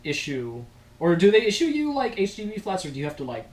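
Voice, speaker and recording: An American man chats casually as a co-host, easygoing and leaning on filler words as he asks questions. His voice is somewhat higher than most men's and carries a noticeable echo from the room. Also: wildly swooping pitch, quick pace. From United States. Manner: laid-back, peppers speech with "like", asks questions. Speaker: podcast co-host. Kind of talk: casual chat.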